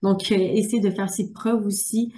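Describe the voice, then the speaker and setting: Young quebec woman telling her story on a webinar, lots of hesitations, flat mellow voice. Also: medium pitch. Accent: Québécois French. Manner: halting, many filler sounds. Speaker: student guest speaker. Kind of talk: personal testimony in a webinar. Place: primary school workplace, some noise.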